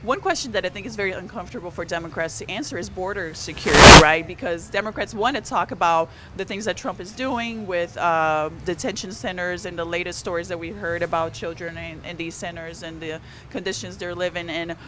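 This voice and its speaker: A Portuguese-speaking newspaper columnist talks politics on a live stream in a fairly low, slightly fast voice that sounds pushed and bright, with hardly any pauses. She's chatty and conversational, full of fillers and restarts, and her energy climbs on key points. There's slight background noise.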